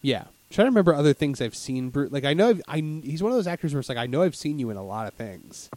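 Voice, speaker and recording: A man co-hosting a casual movie review podcast, animated and crude-humored, often searching for words. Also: medium pitch, fast talker, no echo. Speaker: podcast co-host.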